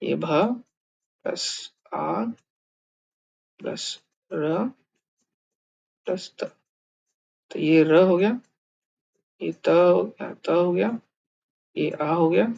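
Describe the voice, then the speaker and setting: A man's voice: on the high side, a little mellow. Man explaining a lesson, dull lo-fi sound. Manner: thinking aloud with many fillers and restarts. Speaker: language teacher.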